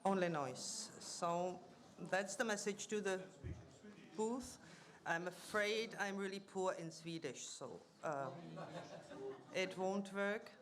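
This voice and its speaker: A woman with a mid-range voice chairs a formal union meeting, welcoming guests and reading out speakers' names and titles. She pauses often and uses fillers as she speaks into a table microphone in a conference room.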